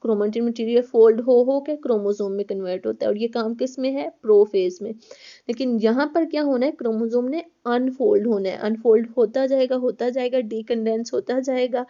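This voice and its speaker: A woman's voice: on the high side, normal speed, mellow, dull audio. A woman, a college biology lecturer, explains step by step in a recorded class, repeating words and calling her students children.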